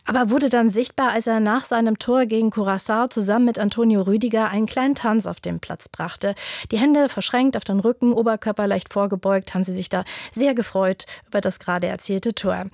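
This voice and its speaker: A woman presenting a news segment and interviewing a guest in a clear, composed way. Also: mid-range voice, a little mellow, no room sound, studio quality.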